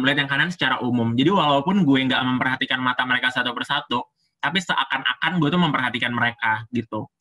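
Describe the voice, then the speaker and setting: A man's voice: mid-range voice, bright, forceful tone. A man, a public speaking coach giving a casual, chatty lesson step by step. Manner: chatty, explains step by step with frequent fillers.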